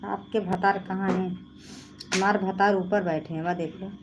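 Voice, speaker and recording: A woman's voice: medium pitch, steady tone, moderate pace. A young woman with an Awadhi accent, chatting casually on a live stream, laughing often and calling to children nearby. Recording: noisy home recording.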